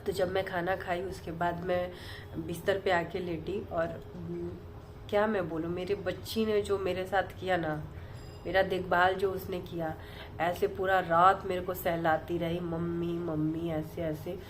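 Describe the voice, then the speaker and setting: A woman vlogger telling a personal story in a casual, rambling way, softly and with many fillers and restarts. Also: lowish voice, little pitch movement, a little slow, slight background noise.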